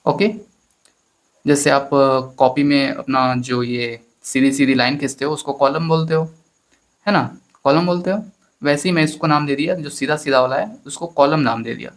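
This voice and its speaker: A man's voice: fairly high pitch, normal speed. A man teaching a maths lesson in Hindi with an Indian accent, explaining step by step and often addressing his students as friends. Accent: Hindi-speaking Indian.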